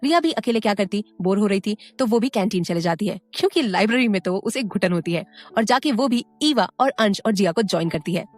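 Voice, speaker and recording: A woman's voice: mid-range voice, animated, brisk, hardly any pauses, soft background music. A woman narrating a scripted audio story, with friendly asides to the listener.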